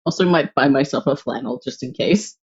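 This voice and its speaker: A young adult streamer chats at a mid-height pitch while working on art, musing aloud in loose, filler-heavy sentences. The audio comes through a little dull, like a basic home stream mic. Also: a little fast, slightly rough. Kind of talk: casual chat while drawing.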